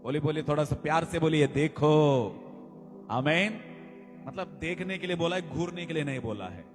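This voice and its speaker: A man preaching a sermon to a congregation, calling for amens and building up to shouted lines. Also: on the high side. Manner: builds to shouted calls, drawn-out English phrases. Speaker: pastor. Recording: long hall reverb, faint music.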